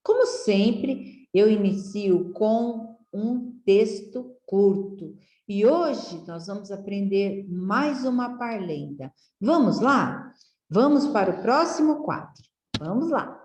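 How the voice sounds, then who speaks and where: Slow, sing-song woman teacher. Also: mid-range voice, expressive, darkish tone. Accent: Brazilian Portuguese. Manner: sing-song syllable drilling, friendly questions to kids. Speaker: literacy teacher. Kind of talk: slow, clearly enunciated lesson for young children. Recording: echoey room.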